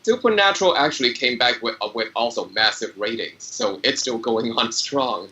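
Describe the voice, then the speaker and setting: A man's voice: mid-range voice, animated, normal speed, sharp tone. A man on a TV chat panel, speaking hesitantly with many uhs and dry asides. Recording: distant mic.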